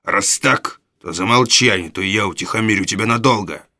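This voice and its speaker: A man's voice: on the low side, brisk, pushed and bright, no room sound. A brutal burglar who growls threats at everyone, played by a man close to his own voice. The sound is close and dry. Read as a storybook. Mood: threatening. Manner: gruff, threatening.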